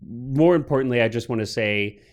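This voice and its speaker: A man's voice: mid-range voice, brisk. A man in his late forties co-hosting a film podcast, chatting casually and animatedly with many restarts. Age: 40s. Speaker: podcast co-host. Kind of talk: casual chat.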